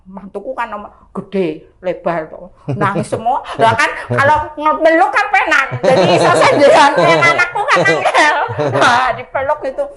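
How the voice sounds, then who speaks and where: Seorang perempuan lanjut usia beraksen Jawa, tamu podcast rumah sakit yang menceritakan perjuangannya melawan kanker dengan hidup dan sering tertawa. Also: female voice, high voice, moderate pace, few pauses, crowd noise. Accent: Javanese. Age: older. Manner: animated, laughing through her story. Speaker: cancer survivor guest. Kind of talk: emotional storytelling. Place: hospital podcast studio.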